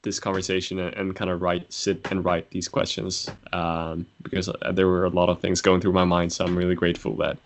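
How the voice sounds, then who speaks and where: A man's voice: sits low, completely flat delivery, a little fast, few pauses, a little hiss or hum. A man hosting a podcast, easygoing and a little hesitant, with many fillers and restarts. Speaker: podcast host. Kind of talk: casual chat.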